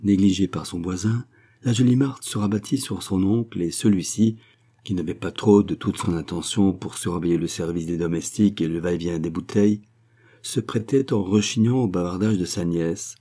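Deep, dark-voiced male audiobook reader. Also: moderate pace, slightly rough. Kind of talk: scripted narration of a novel.

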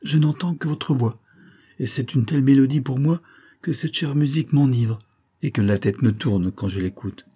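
A man's voice: fairly low pitch, normal speed, mellow, breathy edge. A man voicing a shy, lovesick young schoolmaster in an audiobook, pouring out his feelings. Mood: passionate. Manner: passionate, trembling.

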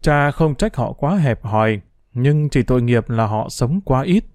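A kind, fatherly old innkeeper, as a male narrator puts him on in a spoken storybook, talking softly and gently. The voice is mellow and dark, its pitch moving freely. It sounds close and dry. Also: lively intonation, measured pace, no room sound, lightly acted. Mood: consoling. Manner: soft, gentle speech.

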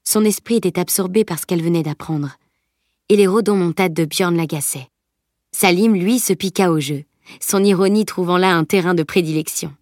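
A woman narrating a novel as an audiobook reader, telling the story in a steady voice. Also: on the low side, normal speed, dry recording, studio quality. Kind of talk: scripted narration.

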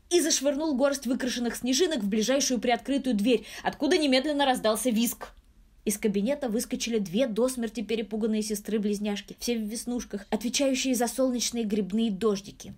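A woman narrating a fairy tale audiobook in an expressive storytelling manner. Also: on the high side.

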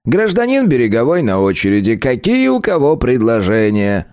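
A man's voice: medium pitch, huge pitch swings, moderate pace, a little mellow, clean tone, no room sound, clean studio sound, voice pushed up. A man voicing a stern, sarcastic male administrator who snaps out his rulings. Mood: curt, sarcastic. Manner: snapping, sarcastic.

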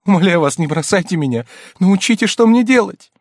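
A man's voice: a little high, lively intonation, moderate pace, no echo, pitched above the performer's own voice, natural voice. A man voicing a meek, weeping young noblewoman who pleads helplessly. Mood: pleading.

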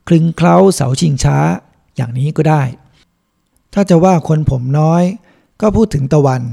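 A man, a monk, reading a book aloud in a calm, measured way. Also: fairly high pitch, vocal fry. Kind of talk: audiobook reading.

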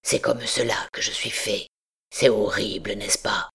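A woman voicing a deformed, deaf hunchbacked man, speaking in a rough voice kept very soft and half-whispered. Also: extremely low pitch, fairly even intonation, unhurried, voice pushed down, heavily acted. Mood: sorrowful. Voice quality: rough voice spoken very softly. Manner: hushed, half-whispered pleading. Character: deformed deaf hunchbacked male bell-ringer, timid and sorrowful.

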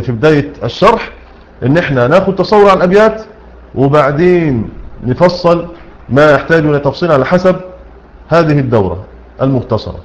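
A man's voice: on the high side, rough recording. A man with an Egyptian accent teaching Quran recitation rules, explaining a poem line by line, asking questions and answering them himself. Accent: Egyptian Arabic. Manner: asks questions and answers them himself, repeats key words, recites slowly.

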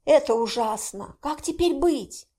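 A woman reading an audiobook, voicing a sharp-tongued young witch heroine who is excitable and quick to protest. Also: high voice, voice pushed up. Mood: dismayed. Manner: indignant, excitable, quick to cry out.

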